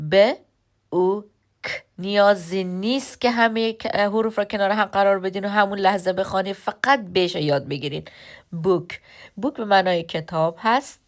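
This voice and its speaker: A woman giving a beginner English lesson. She speaks patiently, pauses often with fillers and sounds words out one letter at a time. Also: on the low side. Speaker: English teacher.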